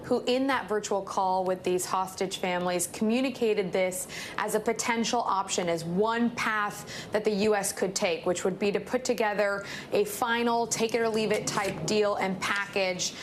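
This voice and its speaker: A woman correspondent delivers a live news report in a steady, fluent way. Her pitch sits in a middle range. A faint low rumble is heard under her voice. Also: moderate pace.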